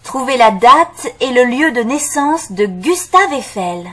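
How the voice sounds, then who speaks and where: A woman's voice: on the high side, sing-song, slow, fairly bright tone, breathy edge, heavily acted. A woman playing an eager young student on a puzzle hunt in a scripted audio story for language learners.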